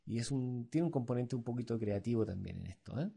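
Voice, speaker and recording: A man with a Chilean accent lecturing as an instructor, halting and full of fillers and tag questions. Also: mid-range voice, expressive, gravelly, warm tone, husky. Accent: Chilean Spanish. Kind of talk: recorded lecture.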